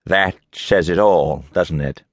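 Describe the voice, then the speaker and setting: A man's voice: deep voice, takes it slowly, no room sound, exaggerated voice. A man voicing a haughty, contemptuous middle-aged archaeologist with a nasal New England accent.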